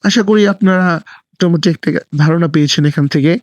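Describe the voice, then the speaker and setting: Man, grammar teacher, slightly high voice, dry close mic, keeps asking questions. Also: fairly quick, dry recording. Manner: asks rhetorical questions to check understanding; mixes English terms into the explanation. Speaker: English teacher. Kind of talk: grammar lesson.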